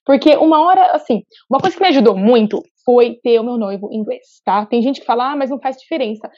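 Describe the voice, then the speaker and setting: A woman's voice: a little high, brisk, no echo. A young woman from Brazil with a São Paulo-state Brazilian Portuguese accent, chatting animatedly as a podcast guest, often restarting her sentences. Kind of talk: casual interview chat. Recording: dull, lo-fi sound.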